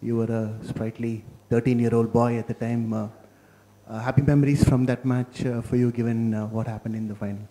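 A man's voice: medium pitch, flat delivery, a little fast, warm tone. A man working as a reporter, asking a teasing question at a press conference.

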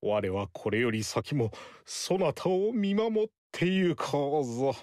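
A fairly high, very animated, slightly mellow voice brings Zhang Jiao to life in game voice acting, the sorcerer-priest slowly and pompously proclaiming heaven's will in archaic terms. The studio-quality recording has no room sound.

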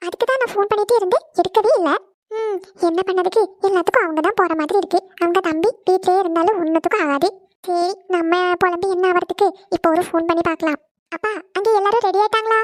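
A woman voicing a spoiled young bride from a rich family in a cartoon, talking quick and pouty. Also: very high voice, no echo, clean studio sound. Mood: fretting. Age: young adult. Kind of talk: cartoon voice acting.

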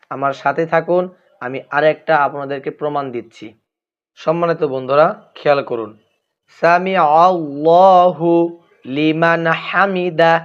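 A man's voice: a little high, dull audio. A man giving a religious lesson on pronunciation, repeating each phrase carefully and addressing his listeners as honored friends. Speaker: religious teacher.

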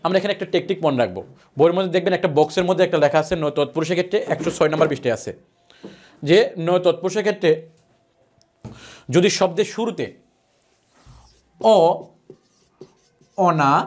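High-voiced man teaching grammar. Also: a little mellow. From Bangladesh. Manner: asks questions and answers them himself. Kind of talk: classroom lecture.

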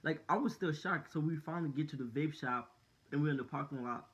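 A man's voice: on the high side, brisk, a bit bright. Young guy rambling thru a story, says like and dude a lot, kinda muffled lo-fi sound. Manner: rambling, many "like" and "dude" fillers, slangy. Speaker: vlogger. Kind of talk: casual storytelling to camera.

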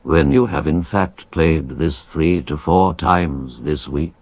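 A synthetic male text-to-speech voice reading out donation messages in a stiff, flat manner. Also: rumbling low, slow pace, husky, no room sound. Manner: synthetic social media TTS voice, flat stiff delivery.

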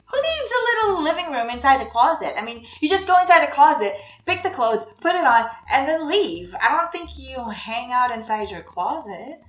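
A woman, giving animated, casual reaction commentary with exclamations. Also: sits high, normal speed, hardly any pauses. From Philippines. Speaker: reaction video host. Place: small room indoors at a desk. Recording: roomy echo, faint music behind.

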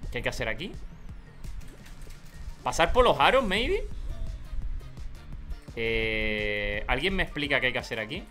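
Lively young Canarian gamer streaming. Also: male voice, medium pitch, measured pace, pauses often, faint music behind. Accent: Canary Islands Spanish. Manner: animated, swings from calm mutters to loud shouting. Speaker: gaming streamer. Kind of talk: excited live gameplay commentary.

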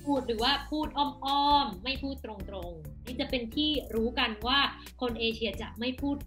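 A young Thai woman with a high-pitched, bright voice hosts a casual interview as a language teacher. Her Thai accent carries through, and music plays behind her. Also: animated, moderate pace. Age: young adult. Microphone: desk microphone on a video call.

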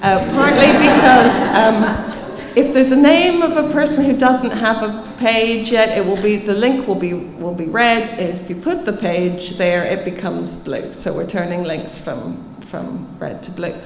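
A woman's voice: mid-range voice, unhurried, few pauses. Woman answering questions in an echoey hall. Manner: earnest, explanatory, emphatic. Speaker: keynote speaker answering questions. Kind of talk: conference Q&A answers. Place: large conference hall, seated at panel table. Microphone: table microphone. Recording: reverberant hall, faint ambience.

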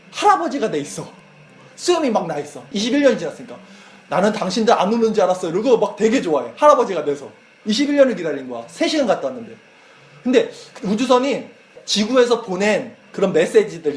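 Guy preaching to students, high animated voice, echoey church room. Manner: lively storytelling, acting out quoted lines. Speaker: youth pastor. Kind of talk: youth sermon retelling a film.

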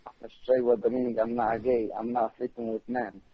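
Husky man swearing over a dull phone line. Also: mid-range voice, level tone, normal speed, dry recording. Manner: curt broken English, swears heavily. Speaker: prank call target. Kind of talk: phone call.

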